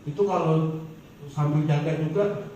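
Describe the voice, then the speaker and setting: A man from Bandung giving testimony in a casual interview, hesitant, repeating words and filling pauses. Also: a little high, dark tone, muffled recording. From Indonesia, Bandung. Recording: roomy echo from far off with faint noise.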